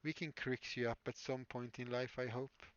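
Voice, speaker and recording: A man's voice: mid-range voice, steady tone, normal speed, a bit bright, no echo. Rambling prop-making streamer, man. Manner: rambling and musing, many fillers. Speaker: prop maker livestreamer. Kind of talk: casual livestream chat while working. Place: workshop. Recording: dull lo-fi stream audio, dry.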